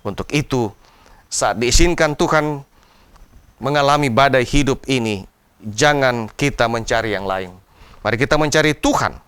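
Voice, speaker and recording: A man's voice: mid-range voice, moderate pace, pauses often, a bit bright, clear, resonant tone, no echo. A man preaching a devotional sermon in an earnest way, with an Indonesian accent, raising his voice when he cries out to God. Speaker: pastor.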